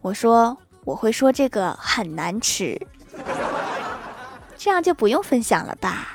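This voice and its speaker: A woman's voice: fairly high pitch, very animated, measured pace, creaky. A woman telling jokes in a casual, teasing way and chuckling at her own punchlines. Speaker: online shop host telling jokes. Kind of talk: casual joke storytelling.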